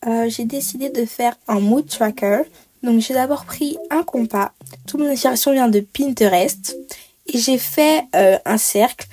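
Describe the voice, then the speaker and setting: A woman's voice: fairly high pitch, mellow. A woman giving a chatty craft tutorial voice-over, explaining each step with frequent hesitations. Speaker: bullet journal creator.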